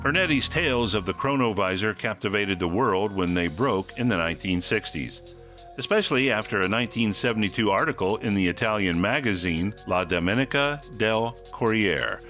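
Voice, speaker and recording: Reading a scripted mystery with suspense and theatrical flair, this podcast host has a fairly low voice that sounds pushed and bright.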